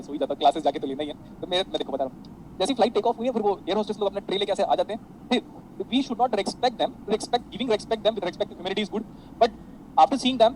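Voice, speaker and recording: A man teaching a classroom lecture, animated, mixing explanations with anecdotes for his students. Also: sits high, a little hiss or hum, rough recording. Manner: animated, addresses students as beta, tells anecdotes.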